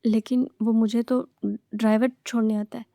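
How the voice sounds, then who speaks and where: Woman doing timid young man, stammering, polite, hesitant, mellow tone. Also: a little high, little pitch movement, moderate pace, no room sound, studio quality, close to an everyday voice. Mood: nervous. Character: shy, timid young male lecturer.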